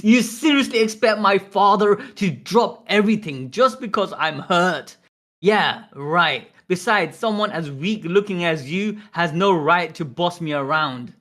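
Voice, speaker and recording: A man reading manga aloud live, voicing a hot-tempered young male giant prince with loud, scornful outbursts. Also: high-pitched, animated, unhurried, exaggerated voice.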